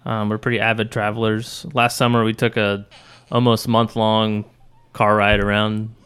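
A young man with a smooth, slightly low voice talks easily about his life. He pauses with frequent "um"s but keeps a relaxed pace. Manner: easygoing, hesitant with "um"s. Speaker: guest, husband and teacher. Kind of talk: casual podcast conversation.

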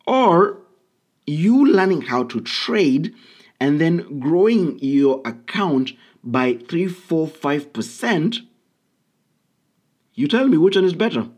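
A man's voice: a little high, very animated, takes it slowly, pauses often, a little mellow. A man hosting a solo podcast, talking casually and bluntly with frequent ums and uhs. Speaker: podcast host.

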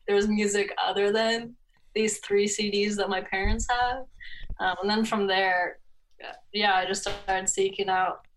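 A woman's voice: mid-range voice, low-quality recording. A young woman in her twenties from California, a guest on a podcast, with a mid-range voice. She talks in a loose, rambling way, full of fillers and little laughs. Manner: relaxed, rambling, laughs often, filler-heavy. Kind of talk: casual interview chat.

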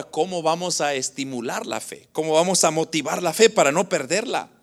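A man preaching a sermon, addressing his congregation as brothers and acting out Bible scenes with animated voices. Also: fairly high pitch. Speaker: pastor.

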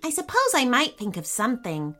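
A woman's voice: fairly high pitch, wildly swooping pitch, fairly quick, bright, forceful tone, faint music behind, pitched above the performer's own voice, exaggerated voice. A woman voicing a cautious, earnest young boy in a children's storybook. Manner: earnest, unsure. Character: young boy, thoughtful and cautious older brother.

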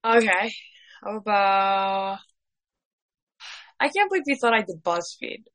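A young woman co-hosts a casual podcast chat, rambling through questions with giggles and teasing jabs. Her voice is of middling pitch and playful. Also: expressive, slow, fairly bright tone. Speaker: co-host.

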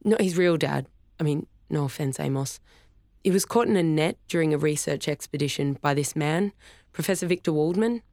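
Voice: medium pitch, moderate pace, darkish tone, dry recording, clean studio sound, lightly acted. Kaya, an earnest young woman, as a narrator voices her.

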